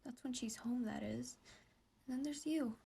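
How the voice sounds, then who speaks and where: Whispered role-play, anxious teen boy voiced by a woman, shaky and pleading, husky gravelly whisper. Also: a little high, normal speed, dark tone, full character voice. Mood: tearful. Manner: shaky, pleading, self-questioning. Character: anxious distressed teenage boy.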